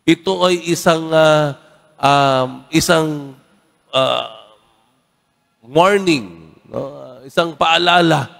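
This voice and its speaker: Male priest, homily, higher voice, chatty storyteller, ends phrases with "no?", long church echo. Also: very slow, creaky, pauses often. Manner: conversational, tags "no?" after phrases; animated storyteller, acts out quoted voices. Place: large church.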